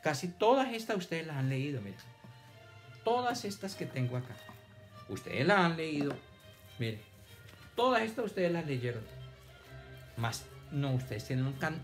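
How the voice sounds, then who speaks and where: A male teacher with a lively, rising and falling voice, spelling out words syllable by syllable for young pupils. His pitch sits at a middle height and he keeps heaping praise on the class. Soft music plays faintly behind him. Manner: dictates words slowly, splitting syllables. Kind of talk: online reading and spelling lesson for children.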